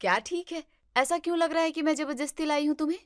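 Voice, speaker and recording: A pouting young wife and vlogger, acted by a woman talks in a brightish, higher voice, quick to take offense. The sound is dry and close to the mic, with no room echo. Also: close to an everyday voice. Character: young newlywed wife, touchy social media vlogger. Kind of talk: family drama acting.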